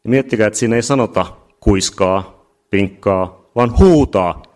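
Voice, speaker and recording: Deep-voiced preacher, emphatic. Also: male voice. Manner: emphatic, rising to shouts at climaxes. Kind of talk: sermon.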